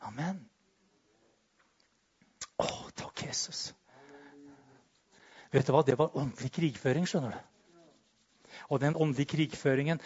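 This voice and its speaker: A high-pitched man preaching with charismatic fervor, jumping between hushed murmurs and sudden shouts. The sound is dull and lo-fi. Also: breathy edge. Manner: swings between loud exclamations and soft murmurs, shouts and tongues. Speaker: pastor. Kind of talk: charismatic sermon.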